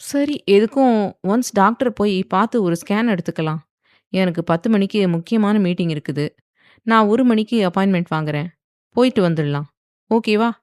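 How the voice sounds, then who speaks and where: A woman voicing a forceful, possessive young husband who speaks in a stern, commanding way in a storybook. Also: mid-range voice, animated, moderate pace, dry recording, clean studio sound, lightly acted. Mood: caring.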